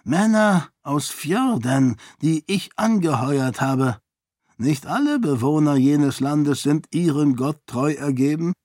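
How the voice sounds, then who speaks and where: A man's voice: a little high, lively intonation, takes it slowly, a little mellow, no room sound, clean studio sound, voice pushed up. Man voicing a grave old duke.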